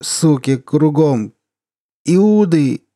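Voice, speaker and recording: A man's voice: medium pitch, lively intonation, vocal fry, warm tone, dry recording, clean studio sound, exaggerated voice. A man voicing a drunk, bitter middle-aged theatre director who slurs and wails. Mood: drunk self-pitying. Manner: slow, tearful, wailing. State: drunk, slurring.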